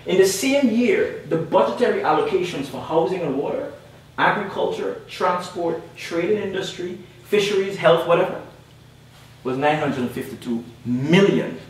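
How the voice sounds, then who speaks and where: This young man from Guyana has a high, expressive voice at normal speed as he delivers an academic panel talk. He's emphatic, goes over key points again, and checks in often with "all right?" The audio comes from far off in a very echoey lecture room, with faint noise.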